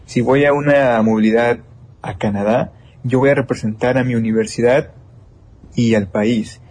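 Earnest in his interview answers, this young Mexican engineering student stumbles through many restarts and fillers, speaking with a Mexican Spanish accent. His medium-pitched voice has a steady tone, moderate pace, and slight mellowness, over a faint hiss or hum.

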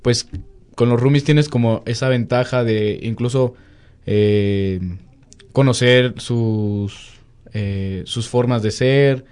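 A young man, a Mexican university student with a Mexican Spanish accent, chatting in a relaxed, casual way. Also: mid-range voice, slow pace, smooth. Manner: relaxed, conversational, uses slang fillers. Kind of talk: casual chat.

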